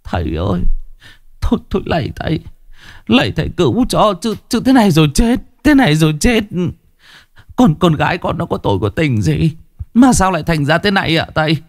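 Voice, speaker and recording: A man's voice: lowish voice, very animated, slow pace, dark tone, dry recording, studio quality. A man voicing a terrified wealthy middle-aged man who stammers and pleads on the edge of tears in a spoken ghost story. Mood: panicked pleading.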